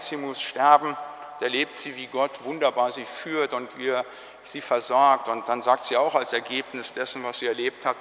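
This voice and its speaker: A man preaches a solemn sermon, drawing out his key phrases slowly. His voice is bright and forceful, with a long church reverb trailing each line. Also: medium pitch.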